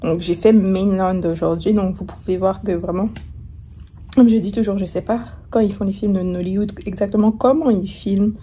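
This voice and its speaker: A young travel vlogger chats casually to camera from her hotel room, rambling, using plenty of fillers and restarting often; she has a sore throat and a cold coming on. Her mid-range voice is warm and fairly even, at a moderate pace, with slight background noise.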